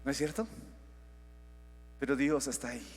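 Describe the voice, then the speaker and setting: A man preaching a sermon as pastor, with emphatic lines that swing between loud declarations and hushed asides. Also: mid-range voice, steady tone, moderate pace, breathy edge. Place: church sanctuary. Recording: long hall reverb.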